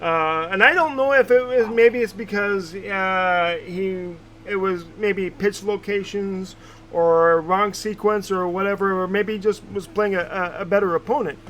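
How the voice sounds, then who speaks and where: A man hosting a casual podcast chat, talking haltingly with many fillers and restarts. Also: high voice, steady tone, fairly bright tone. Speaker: podcast host.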